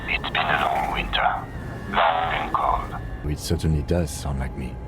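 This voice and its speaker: An actor playing a reserved, composed male police lieutenant in a game, speaking in a quiet, clipped, husky way. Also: a bass voice, steady tone, unhurried, loud music behind the voice. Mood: hushed. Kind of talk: game voice acting.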